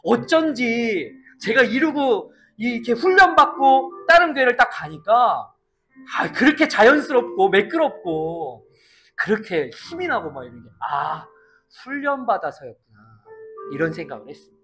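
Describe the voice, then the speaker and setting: Bright-voiced pastor preaching with emphasis. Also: medium pitch, sing-song, moderate pace, faint music behind. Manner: emphatic preaching with a chatty, storytelling tone. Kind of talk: Sunday sermon. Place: church service in a rented space.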